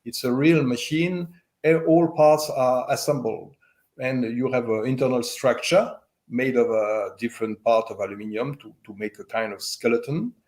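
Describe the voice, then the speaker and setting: A loudspeaker company owner with a French accent, answering interview questions haltingly with many fillers and restarts. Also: male voice, mid-range voice, fairly even intonation. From French-speaking Switzerland.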